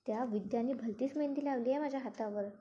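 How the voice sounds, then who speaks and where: A woman's voice: a little high, fast, warm tone, natural voice. A woman voicing an angry, accusing young bride in a spoken serial recap, in a slightly muffled recording with faint noise.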